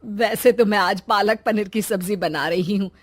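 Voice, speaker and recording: A woman voicing a patient, kindly older mother-in-law in a cartoon story, speaking softly and pleadingly. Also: medium pitch, moderate pace, close to an everyday voice. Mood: gentle. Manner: gentle, soft-spoken, pleading.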